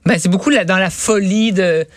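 A man with a Quebec French accent, a comedy writer, chatting casually and telling lively anecdotes. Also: high voice, normal speed, no echo. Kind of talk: casual chat.

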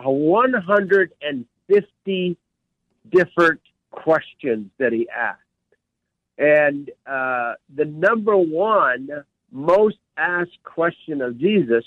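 Male guest, slightly high voice, unhurried, emphatic teacher, dry muffled line. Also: fairly bright tone, dry recording. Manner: emphatic, repeats key words. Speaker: professional coach and ministry director, guest. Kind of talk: radio interview, teaching.

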